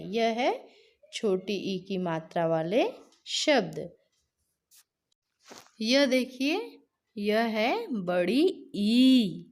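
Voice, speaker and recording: A woman teacher giving a patient reading lesson for children, carefully stretching out each example word. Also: mid-range voice.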